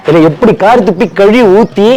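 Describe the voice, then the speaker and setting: Quick, high-voiced teasing man. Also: warm tone, soft background music. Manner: teasing, mock-accusing, quick retorts. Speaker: comic sketch performer. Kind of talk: comic couple banter sketch.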